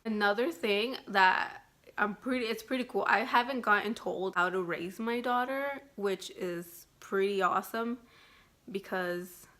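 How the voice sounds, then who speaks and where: A woman's voice: medium pitch, measured pace, a bit bright. Woman vlogging, just chatting and rambling, says like every other word, normal mid voice. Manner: rambling, fills speech with "like". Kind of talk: casual pregnancy update vlog.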